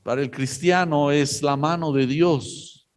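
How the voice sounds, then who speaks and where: A man preaching a sermon, telling a story in a slow, halting way with many pauses. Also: on the high side. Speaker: pastor.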